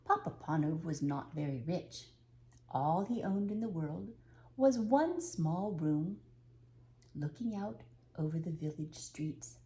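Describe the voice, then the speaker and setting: In a low voice, an elderly woman performs a children's picture book, unhurried and full of expression, letting dramatic pauses hang.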